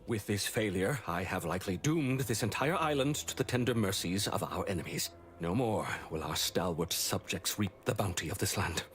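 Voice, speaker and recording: A grandiloquent, defeated commander from a video game, played by a man. The voice is on the low side, with formal, florid phrasing and theatrical self-blame. Faint background noise sits behind the lines. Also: normal speed, fairly bright tone, natural voice. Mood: grandiose despair. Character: pompous, defeated male commander mourning his doomed island. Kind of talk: scripted video game dialogue.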